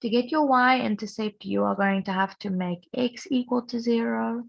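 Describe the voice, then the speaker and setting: A young woman maths teacher who is sick and strained, patiently explaining a recorded lesson and clearing her throat often. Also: on the high side, moderate pace. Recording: dull lo-fi recording.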